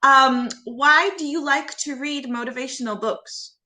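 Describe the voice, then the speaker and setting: Female English tutor from Canada, high bright voice, unhurried, friendly questioner. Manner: friendly, laughs easily, asks follow-up questions. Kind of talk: online tutoring conversation.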